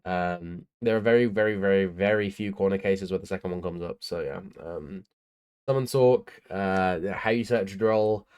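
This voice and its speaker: Man, young adult, tired, laid-back rambling delivery, fairly low pitch, smooth resonant tone. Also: moderate pace, darkish tone. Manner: laid-back, rambling, frequent ums and uhs. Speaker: card game player presenting his tournament deck. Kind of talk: casual deck profile talk.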